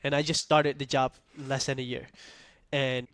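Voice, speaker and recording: A young man from Malaysia, hosting a podcast, telling a story in a relaxed way and asking "right?" often. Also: mid-range voice, normal speed, clean tone, no room sound. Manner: storytelling, laid-back, peppered with "like" and "right?". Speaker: podcast host. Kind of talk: casual podcast chat.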